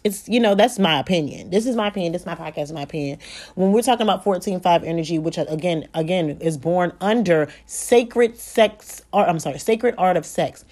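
A woman hosting a solo podcast from home, talking fast and rambling, swearing often and correcting herself as she goes. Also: fairly low pitch, darkish tone. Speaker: podcast host. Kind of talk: solo spiritual podcast monologue. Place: home at night, child asleep nearby.

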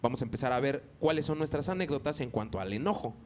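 A man from northern Mexico, host of a casual podcast chat, who talks loudly and peppers every phrase with crude slang. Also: medium pitch, lively intonation, fast, slight background noise. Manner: crude slang-heavy, says güey constantly; talks loud by habit.

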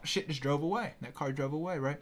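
Animated young man telling a wild story. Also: a little high, fairly quick, a little hiss or hum. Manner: animated, profane, acts out voices in his story. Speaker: podcast guest. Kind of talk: casual storytelling chat.

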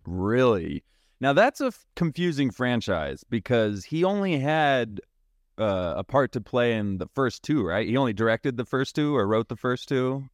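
A man's voice: medium pitch, big pitch swings, moderate pace, dry recording, studio quality. A man on a casual podcast who laughs often and gives hesitant opinions. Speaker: podcast guest.

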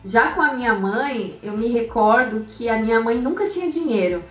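A woman with a fairly high voice tells her story in a relaxed, talkative way, turning to her listeners as she goes. She sounds set back from the microphone in an echoey room. Soft music plays underneath. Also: moderate pace, distant mic. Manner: chatty, addresses listeners directly, many fillers. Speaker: storyteller sharing personal finance lessons. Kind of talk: casual personal storytelling to an audience.

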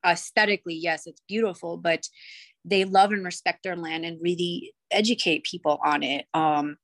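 A woman's voice: lowish voice, fairly even intonation, normal speed, a bit bright. A young woman from Cuba, a podcast guest chatting casually in a bubbly, rambling way full of fillers. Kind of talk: casual chat.

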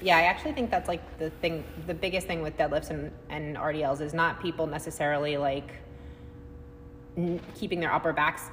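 A woman's voice: fairly even intonation, brisk, fairly bright tone. A woman who coaches fitness, co-hosting a casual podcast recorded in a gym. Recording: echoing gym, long reverb, faint rumbling noise.

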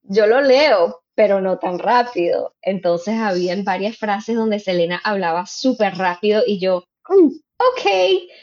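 A woman from Venezuela raised in Miami, speaking Spanish with an American-tinged accent and telling stories as an interviewed voice actress, animated and quick to laugh, slipping into English. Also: medium pitch, highs cut off. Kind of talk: lively anecdotal storytelling.

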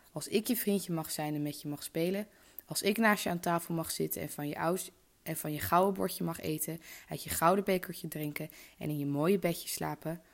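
Casting: woman voicing a fat, insistent storybook frog that calls and pleads. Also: deep voice. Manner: insistent, raised calling voice.

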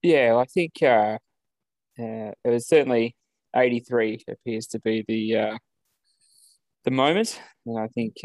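Over a video call, an Australian podcast co-host with a mid-range, darkish-toned voice keeps things relaxed, chuckling and filling his speech with ums and uhs. The recording has no room sound.

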